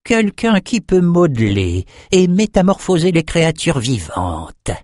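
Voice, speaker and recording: A man's voice: mid-range voice, sing-song, measured pace, darkish tone, no room sound, studio quality, voice pushed up. A man doing a proud ancient flesh sorcerer. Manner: proud, eager, self-satisfied. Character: proud, centuries-old male flesh sorcerer.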